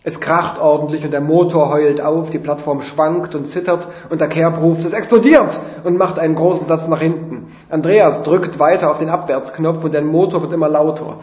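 A man's voice: fairly high pitch, level tone, normal speed, few pauses, a little mellow. A man reading a funny first-person story aloud in a dry, mock-dramatic way. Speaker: reader of a humorous story. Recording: roomy, dull lo-fi sound.

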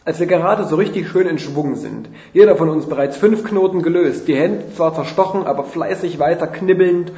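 A man's voice: a little high, normal speed, hardly any pauses, warm tone. A man reading a funny first-person story aloud in a dry, mock-dramatic way. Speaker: reader of a humorous story. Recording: roomy, dull lo-fi sound.

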